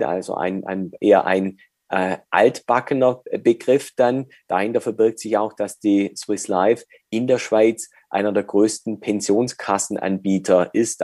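A man explaining dividends and withholding tax as an interview guest, measured and with frequent hesitations. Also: on the low side, a little mellow, no room sound, studio quality.

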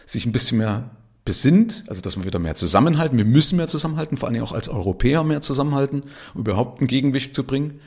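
A man in his 50s hosts a casual solo podcast, speaking in a creaky, mid-range voice. His monologue is emphatic and conversational, peppered with frequent tag questions.

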